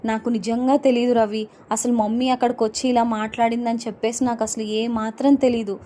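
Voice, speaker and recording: A woman's voice: on the high side, flat delivery, a little fast, mellow, slight background noise, close to an everyday voice. A woman voicing Shruti, an indignant young wife from a TV serial, firing off defensive questions in an episode retelling. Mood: angry.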